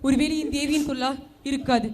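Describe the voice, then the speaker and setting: A woman's voice: sits high, steady tone, fairly quick, darkish tone, a little hiss or hum, natural voice. A school student voicing a stern keeper of a cremation ground who challenges a woman in a stage play.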